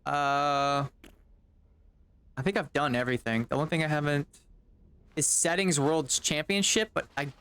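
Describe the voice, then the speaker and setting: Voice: medium pitch, steady tone, moderate pace, pauses often, fairly bright tone, clear, resonant tone. A game streamer chatting casually with viewers while playing, chatty and exasperated, swearing now and then. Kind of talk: casual live-stream chat.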